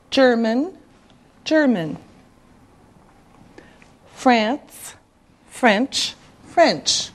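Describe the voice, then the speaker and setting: Woman teacher for beginners, extremely slow and high-voiced, drilling each word with careful enunciation. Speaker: English teacher. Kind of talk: beginner language lesson.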